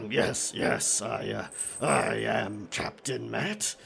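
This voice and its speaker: A man's voice: on the low side, creaky, a bit bright, heavily acted. A man playing a roguish, flirtatious, cocky pirate captain in a theatrical, teasing audio roleplay. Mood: nervous, bargaining. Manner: teasing, theatrical, drawn-out delivery with chuckles. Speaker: voice actor. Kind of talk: romantic roleplay ASMR acting.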